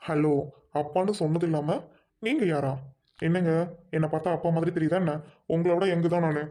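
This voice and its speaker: A kind young man, soft-spoken and lightly teasing, as a woman acts him out. The voice is low for a woman and dark, mellow and warm, soothing and coaxing in an amateur dialogue drama. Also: steady tone, brisk, close to an everyday voice.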